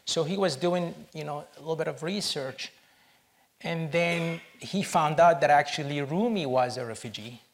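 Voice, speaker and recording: A Syrian film producer answers interview questions in a slightly high voice. He comes across as earnest but halting, restarting his sentences often.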